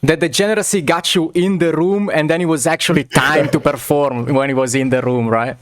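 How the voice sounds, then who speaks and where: A man from Italy, joking around in relaxed slang as a guest. His voice is slightly high for a man and sounds dry and close, with no room around it. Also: fairly quick, no echo. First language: Italian. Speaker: guest music producer. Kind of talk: casual interview chat.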